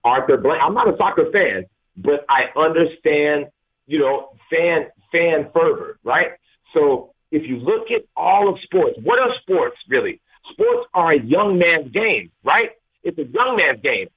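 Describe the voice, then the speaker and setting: A man's voice: a little high, sing-song, a little slow, husky. A man from Atlanta calling a sports radio show on a phone line over speakerphone, rambling and restarting his sentences. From Atlanta, USA. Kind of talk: call-in sports talk. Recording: tinny speakerphone call line.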